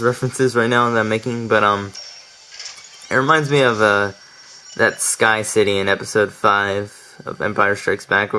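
A man's voice: fairly low pitch, bright, forceful tone, slight background noise, poor audio. A young man casually commentating his gameplay, chatty and laughing often, tripping over his words. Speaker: let's play commentator. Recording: faint game music behind.

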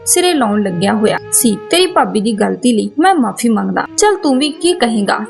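Greedy husband, brushing things off, storybook read, woman voicing him, highish voice. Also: sing-song, brisk, creaky, faint music behind. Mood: placating. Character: greedy, dismissive grown husband. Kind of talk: storybook narration.

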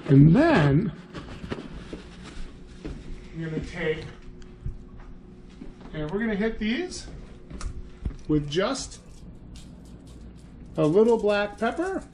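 A man's voice: high-pitched, big pitch swings, very slow, long pauses, warm tone, slight background noise. An American man in his thirties hosting a casual fishing vlog, talking in an enthusiastic, chummy, slangy way. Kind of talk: casual outdoor vlog talk. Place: truck cab, woods, home kitchen.

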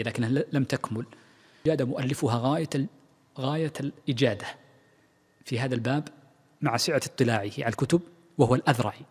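A middle-aged man lecturing as a sheikh in a large mosque, quick and a little husky. He often stops to think aloud with fillers and restarts. A long mosque reverb trails after his words. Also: medium pitch, a little mellow. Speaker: sheikh teaching Islamic jurisprudence. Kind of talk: mosque lecture, spoken freely.

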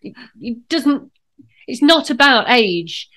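Woman, fifties, brightish higher voice, animated and emphatic, video-call guest. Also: takes it slowly. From Britain. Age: 50s. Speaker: guest, personal trainer. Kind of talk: casual interview chat. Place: home room, indoors, on a video call.

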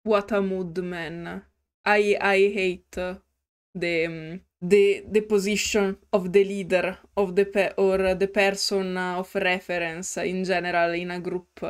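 A woman's voice: on the low side, level tone, clear, resonant tone. A woman streamer reading a story game aloud with commentary, giggly and hesitant. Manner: slow, giggly and hesitant, with restarts. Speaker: gaming streamer.

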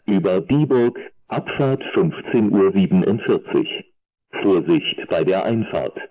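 A man reading flat, scripted railway platform announcements in measured, segmented phrases. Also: sits low, poor audio.

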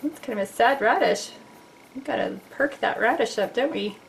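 A middle-aged woman talks through a loose sketch as she draws, chatty and playful with her viewers. Her voice sits a touch high. A faint hiss sits under the recording. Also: lively intonation, moderate pace, vocal fry. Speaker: art teacher. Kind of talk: casual drawing tutorial. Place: at a drawing desk indoors.

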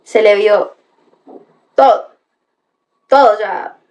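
A woman's voice: mid-range voice, slow, darkish tone, highs cut off. A young woman chatting on a livestream, telling a story with gasps and exclamations and greeting viewers by name. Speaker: livestream host reading chat. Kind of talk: casual livestream chat.

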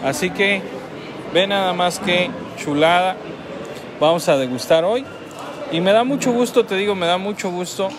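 A man's voice: high-pitched, moderate pace, a crowd in the background. A man with a Mexican accent casually reviewing a restaurant meal, repeating phrases and laughing often, filmed on a phone at a table near a road. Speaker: food vlogger.

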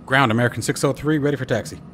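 A man's voice: mid-range voice, racing. A man playing an airline pilot in a flight sim, making clipped, procedural radio calls and readbacks to air traffic control over a cockpit headset.

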